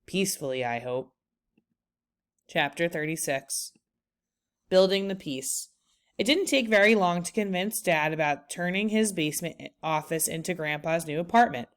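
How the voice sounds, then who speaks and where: A woman whose voice sits on the low side reads a children's book aloud in a teacherly way. She tells the story expressively and deliberately.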